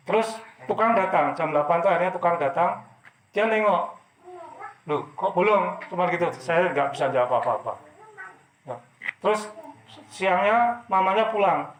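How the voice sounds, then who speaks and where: A man's voice: on the high side, fairly bright tone. A man preaching and telling a personal testimony in a loose, repetitive way. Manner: loose, repetitive talk with many fillers. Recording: echoey room.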